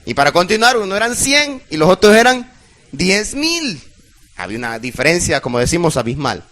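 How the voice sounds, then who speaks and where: A man's voice: high-pitched, big pitch swings, moderate pace, fairly bright tone. A middle-aged man preaching a sermon as pastor, emotional and emphatic, speaking straight to his congregation.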